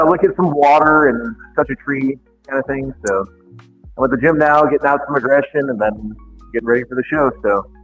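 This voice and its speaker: A man calls in from a gym on his phone, and his voice comes through muffled and tinny, as if heard through a wall. He chats in a relaxed way, repeating short words. Faint music plays behind him. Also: mid-range voice, normal speed, breathy edge. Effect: muffled phone audio, as if heard through a wall. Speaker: caller. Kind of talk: casual chat.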